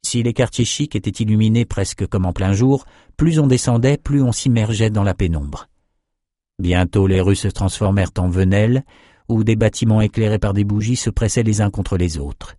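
Scripted fantasy narration is delivered in a low male voice at an even, measured pace. The audiobook recording is dry and close-miked, with no room sound.

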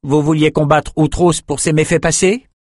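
A man's voice: on the high side, fairly even intonation, normal speed, darkish tone, no room sound, voice pushed up, close to an everyday voice. A man putting on a proud young swordsman in a storybook reading, cutting and sarcastic, his voice raised well above the reader's own, recorded close and dry. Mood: defiant.

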